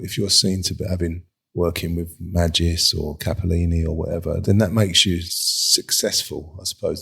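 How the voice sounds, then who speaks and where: In a relaxed interview chat, a male furniture designer rambles on as the guest, poking fun at himself and laughing frequently. He has a low, husky voice with some vocal fry.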